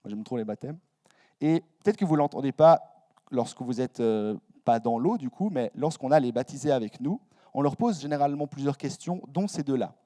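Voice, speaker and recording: A man's voice: mid-range voice, expressive, a little fast, mellow. A young man preaching a sermon in a church hall, casual and self-mocking, with slangy asides. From Switzerland.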